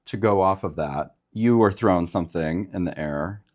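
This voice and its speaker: A man's voice: sits low, normal speed, a little mellow. A man hosting a podcast interview, easygoing, asking questions and offering short affirmations. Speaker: podcast host. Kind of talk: conversational interview.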